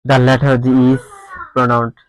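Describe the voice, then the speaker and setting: A man's voice: medium pitch, little pitch movement, drawn-out words, no room sound, poor audio. A man with a Bangladeshi accent teaching exam prep, reading quiz questions aloud and muttering answers to himself, repeating words as he thinks.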